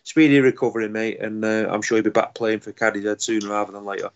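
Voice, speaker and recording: A man's voice: fairly low pitch, steady tone, fast, lo-fi sound. A man co-hosting a casual podcast, telling jovial stories and laughing at his own tales. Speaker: podcast co-host.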